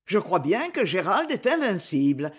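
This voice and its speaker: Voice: medium pitch, big pitch swings, normal speed, slightly rough. A reader voicing a hearty, jovial young lord.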